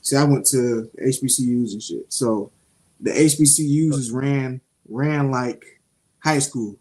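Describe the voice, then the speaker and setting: A young man, co-hosting a casual show review and telling stories in an animated, streetwise way, swearing freely. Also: medium pitch, measured pace. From Jacksonville, Florida (Duval). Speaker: podcast co-host.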